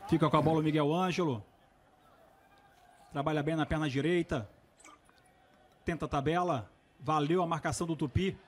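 A man's voice: on the high side, fairly even intonation, normal speed, pauses often. A Brazilian man calling a football match live as a play-by-play commentator, stretching out words on the big moments. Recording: noisy stadium broadcast, background hiss. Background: stadium ambience and crowd noise.

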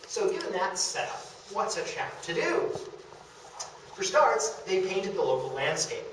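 Recorded from far away by a camera across an indoor meeting room in a historic house, a male lecturer presents an illustrated public history lecture. His slightly high voice is sing-song and a little slow, and the room is very echoey, with background noise.

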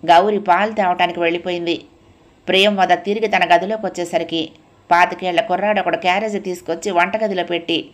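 A woman narrating a novel aloud as an audiobook, in a steady, even storytelling manner. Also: on the low side.

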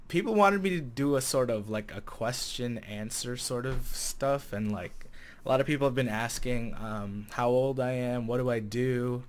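A 20-year-old man from the Chicago area chats casually to camera in a vlog, his American-accented voice at medium pitch, easygoing and a little hesitant as he thinks aloud. He's a vlogger who also manages staff for a game server. He's indoors in a small room at home, recording on a desk condenser mic with a pop filter.

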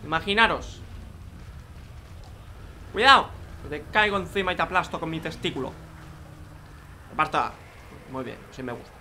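Here a young man gives casual gameplay commentary on a racing game as a YouTuber, cracking crude jokes and talking to himself and viewers. The voice sits a little high, expressive and sharp, at a moderate pace with frequent pauses and slight background noise.

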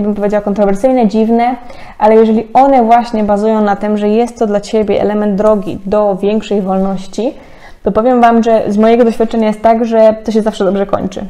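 Chatty woman with a mellow voice. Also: fairly high pitch. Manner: chatty, laughs often, many fillers. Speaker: tarot card reader. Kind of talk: casual spiritual card-reading talk.

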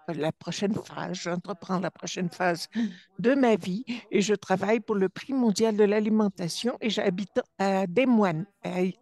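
A woman giving simultaneous interpretation for a webinar, halting and often restarting or correcting herself mid-phrase. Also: mid-range voice, darkish tone, dry recording.

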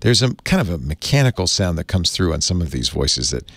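Male tutorial host, easygoing and chuckly; animated pitch, dry sound. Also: a little fast, no echo. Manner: chatty, chuckles often, easygoing explaining. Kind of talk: casual tech tutorial.

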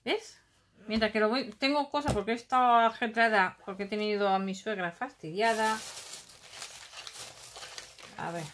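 A woman's voice: fairly high pitch, steady tone, normal speed, long pauses, a bit bright, a little hiss or hum. A middle-aged woman from Spain, with a Basque Country Spanish accent, chatting casually through a craft haul, thinking aloud and humming filler sounds while she unpacks at a table at home.

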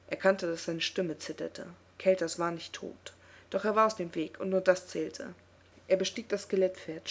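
Husky, gravelly woman reading a fantasy novel. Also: lowish voice, darkish tone. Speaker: audiobook reader. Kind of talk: audiobook narration.

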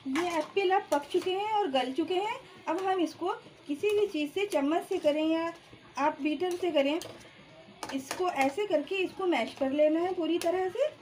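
A cooking-channel host with a very high yet darkish voice talks a little slowly through a home recipe, step by step, in her home kitchen, with a little hiss or hum. She keeps her explanations plain and addresses viewers as friends.

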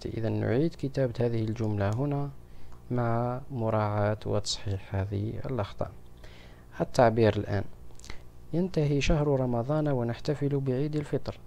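A man's voice: mid-range voice, gravelly, mellow, slight background noise. A man, a primary school teacher, patiently going through a grammar exam with children and asking them questions.

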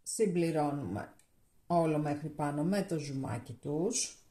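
A woman's voice: low-pitched, expressive, mellow. Chatty Greek woman in an echoey kitchen. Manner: chatty, explains steps to viewers. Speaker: cooking vlogger. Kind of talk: casual cooking walkthrough. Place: home kitchen, indoors.

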